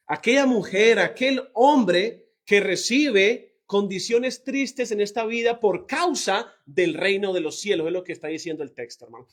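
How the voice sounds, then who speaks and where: A man preaching a sermon to his congregation, asking them questions and drawing out key words. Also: high voice. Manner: lively, stretching out key words. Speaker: pastor.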